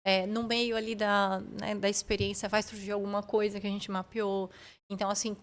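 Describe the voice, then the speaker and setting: Speaking in a mid-range voice with flat delivery at normal speed, a woman appears as a podcast guest. She methodically walks through customer service methods step by step, often checking in with the listener and tagging phrases with "né?" in explanatory interview talk.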